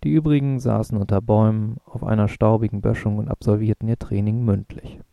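A man narrating an audiobook in a steady storytelling manner. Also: fairly low pitch, brisk, vocal fry, no room sound, highs cut off. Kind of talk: audiobook reading.

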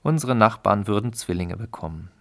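Male narrator, dry wry audiobook read, low gravelly voice. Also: moderate pace, a bit bright. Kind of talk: audiobook reading.

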